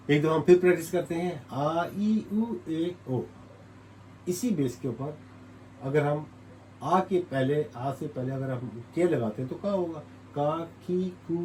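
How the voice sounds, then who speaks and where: A man's voice: fairly high pitch, darkish tone, a little hiss or hum, poor audio. A man from Pakistan with a Pakistani Urdu accent, teaching a step-by-step writing lesson and patiently repeating each sound as he writes. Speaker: language teacher.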